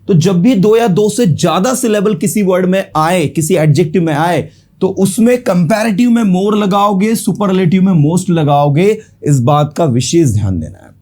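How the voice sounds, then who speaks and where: A man's voice: a little high, dark tone. Man teaching grammar. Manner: explains in Hindi mixed with English, repeats words syllable by syllable. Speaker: English teacher. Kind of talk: classroom grammar lesson at a board.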